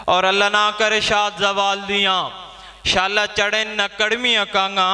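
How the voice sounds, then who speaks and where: High, bright Punjabi poet declaiming verse. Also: male voice. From Pakistan. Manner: declaims couplets, repeating each line, thanks listeners between verses. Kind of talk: reciting poetry at a mushaira. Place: stage at a poetry gathering. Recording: long hall reverb.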